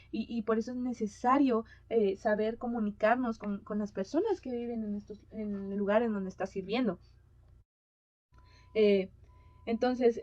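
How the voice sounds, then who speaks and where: A woman's voice: on the high side, mellow, dry recording. A woman giving a conference talk on mission and culture, hesitant with many fillers as she reads Bible passages aloud. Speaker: conference speaker. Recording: dull lo-fi sound.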